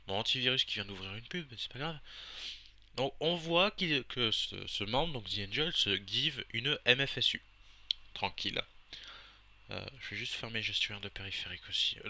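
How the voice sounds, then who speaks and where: A young man talks through his gameplay in a relaxed, halting way, full of fillers and self-corrections. His voice is very bright and sharp at a middling pitch. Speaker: Minecraft server player and video host. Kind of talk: casual gameplay commentary.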